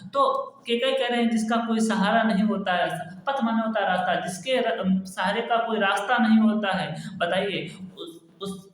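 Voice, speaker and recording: Male literature teacher, high voice, patient line-by-line explainer, very roomy echo. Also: moderate pace. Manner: glosses word meanings patiently, repeating phrases. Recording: very echoey room.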